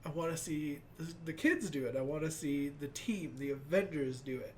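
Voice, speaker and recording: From a small room at home whose shelves hold figures, a young man hosts an anime reaction chat that's casual and emotional. He's congested from crying, rambles, and says "like" constantly, in a voice on the high side at a moderate pace.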